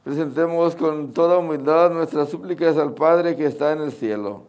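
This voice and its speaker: Higher-voiced middle-aged Mexican priest. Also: male voice, moderate pace, darkish tone. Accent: Mexican Spanish. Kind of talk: sermon and prayers at Mass. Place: outdoors under a canopy at an altar.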